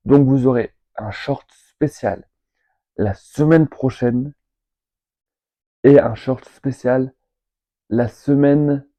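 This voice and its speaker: A man's voice: mid-range voice, mellow. A man chatting casually in a vlog, rambling with fillers and asides while reading travel tips aloud. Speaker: vlogger. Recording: dull lo-fi home recording.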